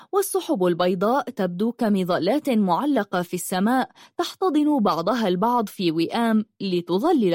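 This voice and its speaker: A woman narrating a storybook in an expressive, descriptive way. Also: medium pitch, dry recording, clean studio sound.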